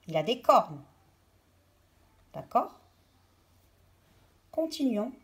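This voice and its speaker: Slow, deliberate woman teaching pronunciation. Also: medium pitch, darkish tone. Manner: slow, deliberate, over-articulated word drills. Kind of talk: French pronunciation lesson for children.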